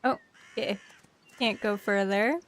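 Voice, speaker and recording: A woman's voice: medium pitch, a little slow. A woman streamer chatting casually while playing a story game, thinking aloud and choosing actions. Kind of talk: casual gameplay chat.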